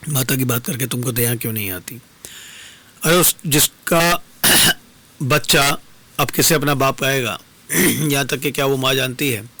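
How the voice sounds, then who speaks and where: A heartbroken young queen, as a male storyteller puts her on pleads and laments in ornate, formal speech, her pitch sitting in the middle range. It is a dastangoi performance recorded in a radio studio. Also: a little slow, bright, forceful tone, dry recording. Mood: indignant. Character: grieving young queen pleading with departing lover.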